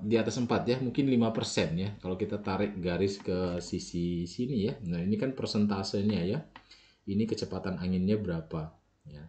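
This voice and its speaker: Low-voiced man explaining software steps. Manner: explains step by step, frequent filler tags and self-corrections. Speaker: software tutorial instructor. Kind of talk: screen-recorded software walkthrough.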